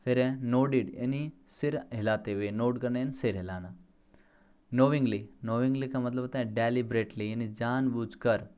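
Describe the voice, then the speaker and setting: Clear-voiced male teacher explaining word meanings. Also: mid-range voice. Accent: Indian English. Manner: stresses each new word louder, then explains in plain terms; spells words out letter by letter. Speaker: English teacher.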